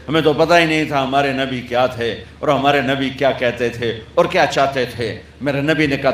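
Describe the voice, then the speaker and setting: ایک مرد واعظ جو ڈرامائی انداز میں قصہ سناتا ہے اور بیچ میں آہستہ عربی تلاوت کرتا ہے، لاؤڈ اسپیکر والے ہال میں۔. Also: male voice, fairly high pitch, slight background noise. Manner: dramatic storytelling, breaks into slow Arabic recitation. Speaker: preacher. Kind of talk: sermon. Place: hall with loudspeaker. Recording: echoey hall through loudspeaker.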